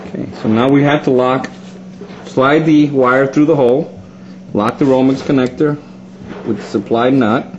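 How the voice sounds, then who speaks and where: A plumbing instructor methodically walks viewers step by step through a hands-on DIY wiring demonstration. His mid-range voice is steady and darkish at a moderate pace, and the recording sounds dull and lo-fi with faint noise.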